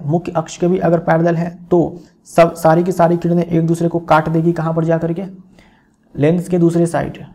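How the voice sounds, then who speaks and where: Gravelly man teaching a lesson. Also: a little high, a little mellow. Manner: explanatory, repeats key phrases, checks in with "theek". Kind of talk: classroom physics lesson.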